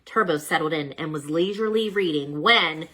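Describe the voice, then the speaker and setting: A woman with a deep voice reads a children's storybook aloud at normal speed. As the storyteller, she is dramatic and expressive, breaking off for chatty asides to her listeners.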